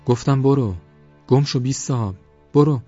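A man voicing an anxious, sharp-tongued village woman who scolds and shouts, in a dull lo-fi recording with faint music behind. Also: on the low side, husky. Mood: shouting.

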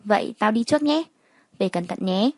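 A blunt, familiar young wife, as a woman narrator puts her on, chattering at a middling pitch. The voice sits dry and close to the mic. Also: animated, normal speed, a little mellow, no room sound, lightly acted. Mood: chatty.

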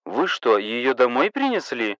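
A weary, patient police duty sergeant on the phone, read by a man, formal and curt with every caller. His voice is mid-pitched, with a dry, slightly dull sound. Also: big pitch swings, unhurried, a bit bright, no echo.

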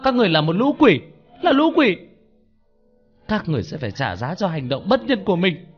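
A man voicing a starving nine-year-old boy, sobbing and shrill with hatred, in a spoken ghost story. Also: sing-song, brisk, lo-fi sound, faint music behind. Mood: furious. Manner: sobbing, shrill, hate-filled. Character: grieving furious starving boy about nine.

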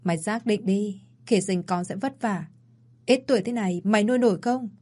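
A woman's voice: medium pitch, normal speed, dark tone, close to an everyday voice. A woman voicing a blunt, loyal young female friend who scolds in a spoken audio story. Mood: scolding.

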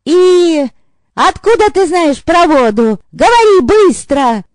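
A male audiobook narrator voicing a startled, fierce teenage girl who yells shrilly. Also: lively intonation, slow pace, no echo, clean studio sound, full character voice. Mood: alarmed yelling. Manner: shrill, yelling.

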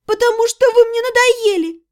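A woman voicing a rebellious teenage younger sister who whines and cries as she argues. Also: normal speed. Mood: tearful. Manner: crying, whiny, shrill.

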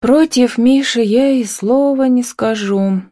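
A woman's voice: medium pitch, expressive, moderate pace, mellow, no room sound, lightly acted. A frightened young woman on the run, read by a woman narrator in a plaintive, slightly raised voice. The sound is dry and close, with no room around it. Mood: weary whisper. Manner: plaintive, tearful.

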